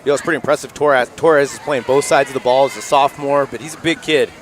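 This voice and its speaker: A man's voice: mid-range voice, fairly even intonation, fast. A man giving live football commentary as a color analyst. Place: outdoor football stadium broadcast. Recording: crowd and music behind outdoor broadcast.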